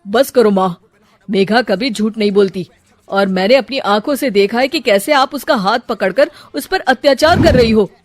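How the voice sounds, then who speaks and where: A woman's voice: a little high, expressive, moderate pace, close to an everyday voice. A woman voicing a stern young married son who speaks firmly and bluntly to his parents. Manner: firm, blunt.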